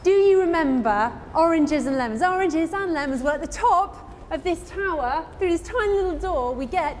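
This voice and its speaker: High, animated female weather presenter with a London accent, chatty and laughing. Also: moderate pace, slight background noise. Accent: London English. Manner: giggly, bubbly, laughs often. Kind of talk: lively news studio chat and field report.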